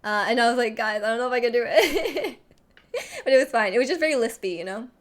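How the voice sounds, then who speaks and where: Talking fast in a fairly high pitch, the young woman streamer rambles through chat messages with a slight lisp. She keeps things casual and uses "like" over and over.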